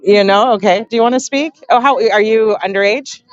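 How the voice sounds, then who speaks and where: A woman's voice: mid-range voice, brisk, lo-fi sound. A woman hosting a casual live stream from an outdoor protest, chatting with lots of fillers and laughs. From Canada. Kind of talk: casual street interviewing.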